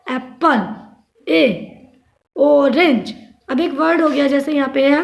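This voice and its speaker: A woman's voice: high voice, creaky. A female school teacher giving a grammar lesson to young students, asking questions and answering them herself, spelling out words letter by letter. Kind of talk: classroom grammar lesson in Hindi and English.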